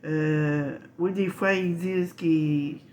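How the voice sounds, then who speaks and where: Woman, québécois accent, hesitant apologetic vlogger, lowish voice, faint room noise. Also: fairly even intonation, darkish tone. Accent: Québécois French. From Quebec. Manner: halting, full of fillers and restarts, apologetic. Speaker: channel host. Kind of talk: casual unboxing vlog.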